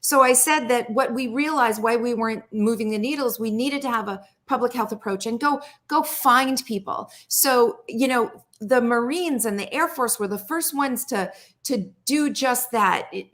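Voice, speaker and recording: A woman's voice: fairly high pitch, normal speed, fairly bright tone. A woman speaking as a guest expert on a talk show, earnest and telling a story, often repeating words as she restarts. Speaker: guest psychologist.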